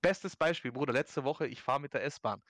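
A man's voice: medium pitch, moderate pace, dry recording, studio quality. A young man hosting a podcast, telling a story in casual, slangy German-style chat and acting out the people in it. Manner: animated storytelling, slangy, acts out quotes. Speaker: podcast host.

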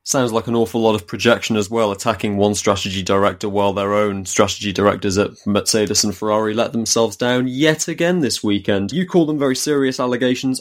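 A man giving emphatic, argumentative opinions as a panellist in a sports podcast discussion. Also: on the low side.

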